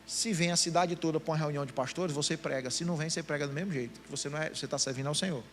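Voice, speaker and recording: A man's voice: on the high side, racing, slight background noise. A middle-aged man with a Brazilian Portuguese accent preaching a sermon to a meeting of pastors, acting out the voices he quotes. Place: church meeting.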